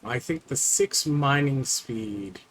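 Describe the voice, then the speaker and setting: A man's voice: medium pitch, animated, takes it slowly, slight background noise, low-quality recording. A man casually commenting on his own gameplay, rambling and talking to himself with frequent fillers. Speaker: streamer.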